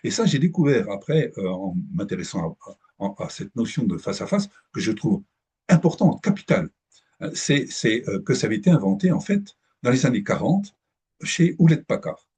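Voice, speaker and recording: Animated, hesitant man giving a talk. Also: mid-range voice, moderate pace, husky. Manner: hesitant, many restarts and fillers, animated. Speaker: speaker at a business breakfast talk. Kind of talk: live presentation to an audience.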